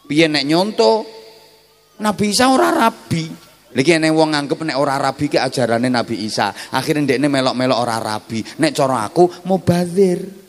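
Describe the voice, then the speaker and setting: A man with a Javanese accent preaches in a fairly high voice, joking and quizzing his listeners. His voice rings out with a long hall reverb around it. The pace moves between slow stretches and quick asides. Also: expressive. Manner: jokey, mixes Javanese and Indonesian, quizzes the audience. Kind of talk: humorous religious sermon.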